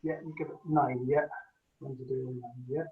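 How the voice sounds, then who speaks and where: In a casual tasting commentary, a male cheese judge thinks aloud and weighs his words, his mid-range voice steady and moderately paced. The recording comes across as dull video-call audio, distant and roomy.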